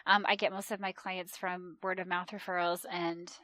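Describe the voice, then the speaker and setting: Chatty woman in her 30s, bright sharp voice, super dry close sound. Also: fairly low pitch, normal speed, no echo. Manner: chatty and animated, mimics voices in retold quotes. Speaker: podcast guest, travel agent. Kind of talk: casual conversational interview.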